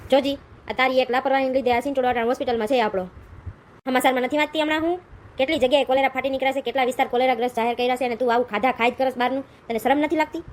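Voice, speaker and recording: A woman's voice: high voice, fairly even intonation, rapid-fire, a little hiss or hum, close to an everyday voice. A woman playing a scolding, lecturing village husband in a comedy skit.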